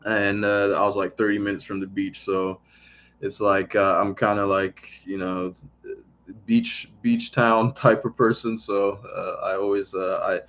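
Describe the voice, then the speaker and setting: Host, male, grew up in Italy: low, level delivery, rambly live-stream chat, dull lo-fi audio. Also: flat delivery, unhurried, a bit bright. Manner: rambling, frequent "right?" tags. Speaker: online business coach. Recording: dull lo-fi sound.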